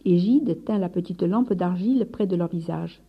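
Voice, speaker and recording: A woman narrating a read-aloud story in measured tones, at times dropping to near whispers. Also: lowish voice, breathy edge, lo-fi sound.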